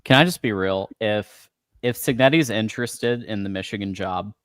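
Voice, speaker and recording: Measured co-host man, dry mic. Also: fairly low pitch, a bit bright, clear, resonant tone, no room sound. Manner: measured, analytical, reads viewer comments. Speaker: podcast co-host. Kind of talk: casual sports postgame chat.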